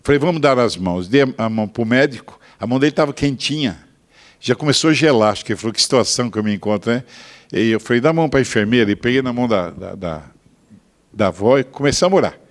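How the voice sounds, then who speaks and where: An older man, a pastor with a Brazilian Portuguese accent, telling a story in a sermon. He moves between hushed asides and loud, emphatic bursts. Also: mid-range voice, lively intonation, fast talker. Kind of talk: sermon testimony.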